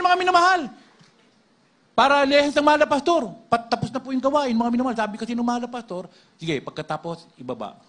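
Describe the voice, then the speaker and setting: A man with a notably high voice gives an emphatic testimony before a congregation. He keeps turning to the listeners and addressing them directly as he tells it. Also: fairly bright tone. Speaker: church member giving testimony.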